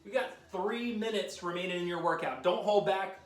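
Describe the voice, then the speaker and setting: Male fitness instructor, high voice, upbeat and encouraging, calls countdowns, recorded from a distance. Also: normal speed. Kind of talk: live workout coaching with countdown cues. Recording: roomy sound, mic at a distance.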